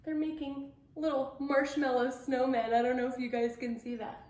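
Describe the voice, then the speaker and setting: A woman's high-sitting voice, steady in tone and somewhat dark, reads a picture book to children at normal speed. She still tells the story expressively and with emphasis, speaks asides to the kids, and the room echoes.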